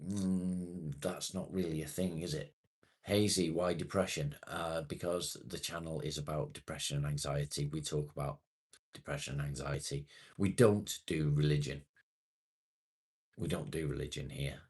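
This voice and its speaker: A man's voice: extremely low pitch, fairly even intonation, moderate pace, breathy edge. A man in his late forties hosting a casual livestream, chatting matily with viewers and swearing now and then. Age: 40s. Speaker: livestream host. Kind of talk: casual live chat reading viewer comments.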